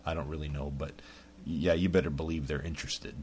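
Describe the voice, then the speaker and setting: A man's voice: rumbling low, fairly even intonation, fairly quick, a little mellow, slightly rough. A man hosting a podcast, talking casually in a rambling monologue full of restarts. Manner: rambling, lots of restarts and fillers. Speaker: podcast host.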